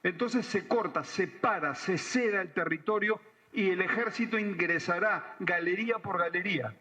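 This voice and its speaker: A man, a government minister giving a measured, explanatory press briefing with hesitant fillers, recorded in a reverberant room with slightly dull sound. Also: sits high, pushed and bright.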